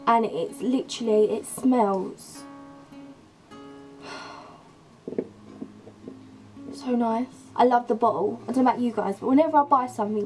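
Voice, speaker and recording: Croaky, gushing young woman. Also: fairly high pitch, darkish tone, poor audio. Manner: gushing, rambling, enthusiastic. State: croaky from a sore throat. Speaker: beauty and lifestyle vlogger. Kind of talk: casual chatty vlog. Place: her bedroom. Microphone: camera mic.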